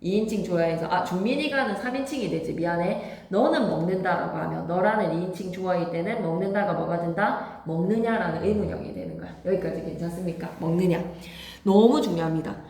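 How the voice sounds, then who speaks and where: A woman's voice: on the low side, brisk, gravelly, darkish tone, roomy sound. A woman teacher giving an emphatic classroom grammar lecture, quizzing her students with questions as she goes.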